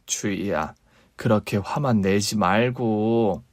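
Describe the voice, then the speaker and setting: A man voicing a long-suffering, gentle middle-aged mother in a radio story reading, talking softly and coaxingly. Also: fairly low pitch, level tone, measured pace, dry recording, clean studio sound.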